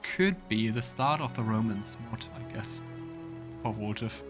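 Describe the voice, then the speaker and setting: Over music, a streamer gives relaxed let's play commentary on a video game, musing to himself as he plays. His voice is fairly low and unhurried.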